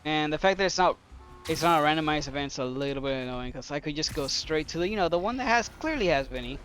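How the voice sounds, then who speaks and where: A man's voice: on the high side, lively intonation, fast, a bit bright, faint music behind. Casual grumbling male streamer. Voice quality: offhand, grumbling. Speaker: gameplay streamer. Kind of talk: casual let's-play commentary.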